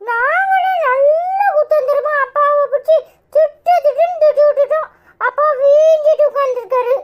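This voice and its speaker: A woman's voice: extremely high pitch, moderate pace, highs cut off, noisy background. A woman voicing a small boy in a cartoon who whines tearfully at his mother in a Tirunelveli Tamil accent. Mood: cheerful. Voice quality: whiny, tearful. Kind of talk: cartoon voice acting.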